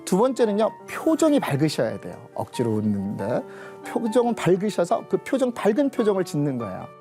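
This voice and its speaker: A middle-aged man giving a lively lecture, often turning to the audience and acting out what others said. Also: high-pitched, fairly quick, soft background music. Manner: animated, addresses the audience often, acts out quoted people.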